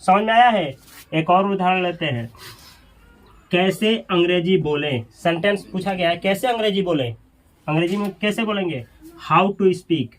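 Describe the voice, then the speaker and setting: Male teacher, slightly high voice, quizzes the class and repeats their answers. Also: normal speed. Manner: asks questions and repeats answers. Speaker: English teacher. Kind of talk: classroom grammar lesson.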